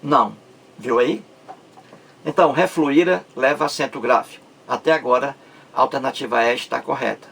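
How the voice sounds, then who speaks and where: A man's voice: mid-range voice, creaky, a bit bright, husky. A man teaching a grammar lesson, drawing words out syllable by syllable and often asking his listeners if they understood. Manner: slow, stretches out words syllable by syllable, asks rhetorical check-ins. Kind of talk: explanatory video lesson.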